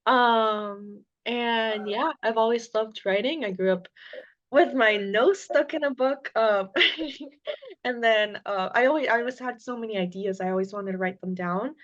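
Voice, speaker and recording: A woman's voice: medium pitch, dull audio. A young woman from Venezuela, a guest answering interview questions hesitantly, with many filler words. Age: young adult.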